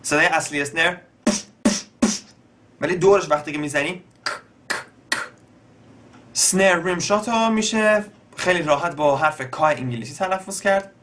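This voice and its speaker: A young man with an Iranian Persian accent, explaining beatbox basics in a relaxed spoken tutorial. His voice sits a little high for a man, and he often stops to search for words with frequent fillers. The talk is unhurried and stays step by step. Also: noisy background. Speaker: beatbox teacher.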